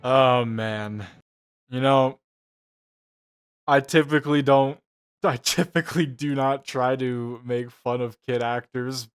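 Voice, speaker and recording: A man's voice: medium pitch, steady tone, slow pace, long pauses, clean tone, faint music behind. A man giving a casual, mocking reaction commentary, profane and incredulous in his delivery. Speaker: reaction show host.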